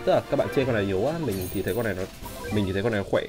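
Over music, a gaming channel host talks very fast in a fairly low voice, casually narrating his game pulls. Good results make him erupt in loud, shouted surprise.

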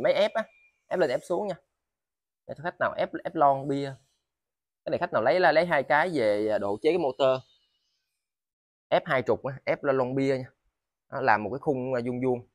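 A man with a southern Vietnamese accent giving a casual, rambling sales vlog, halting and often repeating his words. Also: mid-range voice, dry recording, studio quality. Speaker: seller of used motors and machine parts. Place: indoors in a cluttered tiled storeroom.

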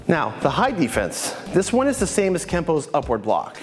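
A man's voice: fairly high pitch, wildly swooping pitch, moderate pace, long reverb tail, faint music behind. A man in his thirties, a martial arts instructor, methodically explaining and comparing blocking techniques. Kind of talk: instructional commentary. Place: martial arts dojo, indoors. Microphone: lapel mic, medium camera shot.

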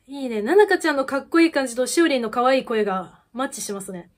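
A young woman chats over a music video in a casual reaction style. Her voice sits fairly high, and she gushes with quick exclamations and bursts of laughter. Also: expressive. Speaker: idol fan YouTuber.

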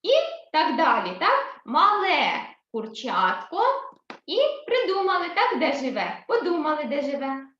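A high-voiced woman teacher talks young children through a reading lesson, slow and deliberate, repeating each point. Her pitch rises and falls a lot. She sounds a bit muffled in an echoey room. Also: big pitch swings, fairly bright tone. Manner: slow, clear and repetitive, addressing children. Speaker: primary school teacher.

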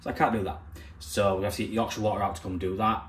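A young man talks through his plumbing work in a relaxed, practical vlog manner. His voice sits fairly low, and he explains each step plainly as he goes. A faint hum of background noise runs under the phone recording. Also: fast. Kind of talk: casual vlog narration. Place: factory floor, then a house kitchen.

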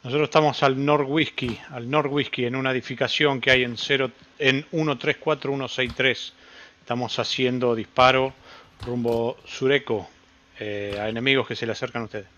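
A man's voice: medium pitch, steady tone, normal speed, fairly bright tone. A man with a Rioplatense accent giving clipped, terse tactical radio calls as squad leader, heard through a gamer headset mic over in-game radio. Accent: Rioplatense Spanish. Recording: dull lo-fi headset mic with faint hiss.

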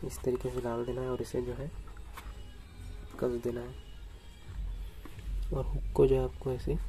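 Flat, gravelly man explaining an unboxing. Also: medium pitch. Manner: steady explanatory, frequent address to viewers. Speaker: unboxing vlogger. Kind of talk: casual unboxing tutorial. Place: indoors at home, camera over tabletop.

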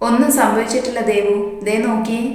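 A woman reading the lines of a calm, protective young man in an audio story, gentle and reassuring. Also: on the high side, fairly quick, lightly acted. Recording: echoey reverberant room.

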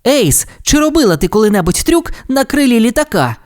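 A confident boy who leads a puppy rescue team, done by a woman reading a storybook. The voice is lifted somewhat over her own, with a lively lilt. He gives orders in an upbeat, commanding way. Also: fairly high pitch, brisk, pitched above the performer's own voice. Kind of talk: audiobook character voice.

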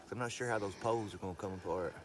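A man's voice: fairly low pitch, very fast. A man, a fellow hiking vlogger, chatting good-humoredly outdoors at a snowy campsite in the morning. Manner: good-humored, laughs often. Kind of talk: casual morning chat at camp.

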